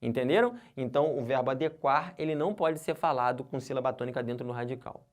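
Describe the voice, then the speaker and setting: A lively Brazilian man giving a recorded exam-prep grammar lesson. His pitch leaps up and down as he explains, in a casual, conversational way. He keeps checking that his students are following. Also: fast. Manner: colloquial, constantly checks in with students. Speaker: exam-prep Portuguese teacher.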